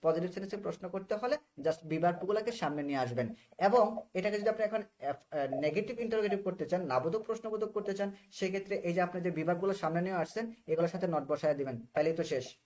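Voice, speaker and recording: His voice sits high and is a little mellow, moving at a quick pace. The man, who has a Bangladeshi accent, is teaching English live online, explaining patiently, repeating himself and repeatedly asking if the students understand.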